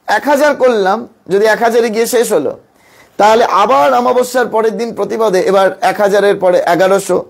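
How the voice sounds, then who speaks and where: A man, a monk, giving a calm devotional teaching talk, repeating phrases and dropping low and slow on key points. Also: vocal fry. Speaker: monk teaching spiritual practice.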